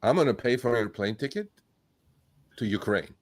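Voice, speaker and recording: A man born in Turkey, hosting a live chat, talking bluntly and with profanity, telling animated stories. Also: medium pitch, normal speed, no room sound. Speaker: host. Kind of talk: casual livestream chat.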